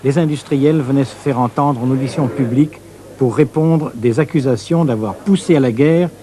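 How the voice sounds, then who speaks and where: A man's voice: medium pitch, normal speed, mellow. A man reading scripted narration for a historical documentary.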